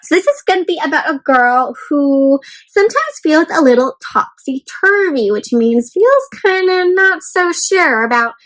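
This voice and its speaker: The recording is rough as a woman with a high voice, speaking a little slowly, hosts an interactive read-aloud of a picture book for kids. She addresses the children directly as friends, encouraging them with animated, exaggerated expression and frequent questions.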